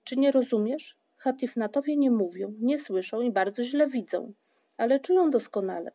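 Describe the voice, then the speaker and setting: A woman voicing a calm, resourceful young wanderer in a storybook, talking patiently and reassuringly. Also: on the high side, moderate pace, voice pushed up.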